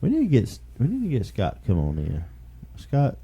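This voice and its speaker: A man hosting a podcast in casual chat, with a relaxed Southern drawl, rambling and quick to laugh. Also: vocal fry, slightly rough. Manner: laid-back, laughs easily, rambling pitches for support. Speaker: podcast host.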